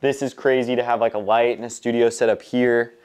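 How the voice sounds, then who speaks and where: Casual vlog host: American man in his twenties, clear resonant voice, informal walkthrough delivery. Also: medium pitch, level tone, brisk, a little mellow. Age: 20s. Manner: informal, mildly profane. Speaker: host giving a warehouse tour. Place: large concrete warehouse and upstairs office, indoors.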